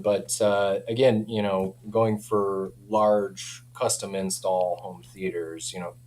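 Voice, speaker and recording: A man's voice: fairly low pitch, slight background noise. A man speaking informally as a company representative in a casual product chat, often framing things as personal opinion. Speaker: audio company representative and interview guest.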